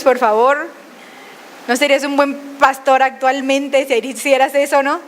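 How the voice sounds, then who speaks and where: A woman preaching a sermon, animated and often questioning the congregation. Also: sits high, in a large hall, a little hiss or hum.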